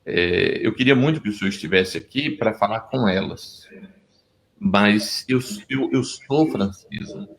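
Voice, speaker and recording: A man's voice: fairly low pitch, animated, measured pace, creaky, fairly bright tone, rough recording. A middle-aged Brazilian man with a Pernambuco accent, a pastor telling his story earnestly in an interview, often restarting his sentences. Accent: Pernambuco Brazilian Portuguese. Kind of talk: testimony interview.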